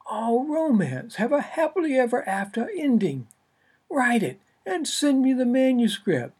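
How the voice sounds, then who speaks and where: Woman doing a loud, pushy literary agent. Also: fairly high pitch, big pitch swings, unhurried, slightly rough, pitched above the performer's own voice, full character voice. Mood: exasperated. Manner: blaring, pushy, impatient.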